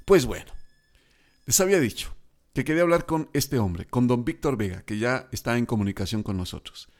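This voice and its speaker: Courteous podcast host. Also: male voice, mid-range voice, lively intonation, a little fast. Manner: warm, admiring, courteous. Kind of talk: podcast interview.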